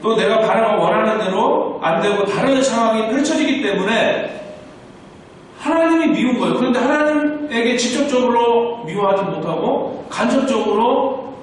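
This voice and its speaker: A man's voice: very high voice, animated, moderate pace, slight background noise. A man preaching a sermon as pastor, asking questions and answering them himself. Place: church sanctuary. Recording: echoey church hall, mic far off.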